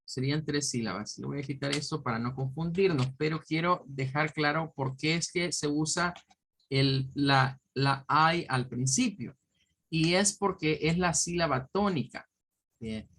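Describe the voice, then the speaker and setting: A male English teacher with a fairly high, fairly bright voice gives an online pronunciation lesson at an unhurried pace. He explains patiently step by step, repeats example words, and often checks in with listeners, over slight background noise.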